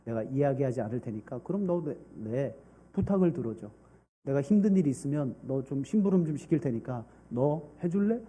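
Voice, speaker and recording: A scheming middle-aged neighbor leans in with low, hushed threats, as a pastor acts him out in a sermon story. The voice is husky and mellow, bossy under its quiet. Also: male voice, expressive, brisk, in a large hall. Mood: menacing.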